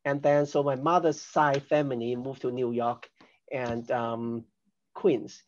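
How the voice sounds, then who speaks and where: A man's voice: mid-range voice, flat delivery, takes it slowly, highs cut off, a little hiss or hum. An older man from Hong Kong, a podcast guest, explaining risk assessment in a chatty, self-deprecating way. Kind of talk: conversational interview.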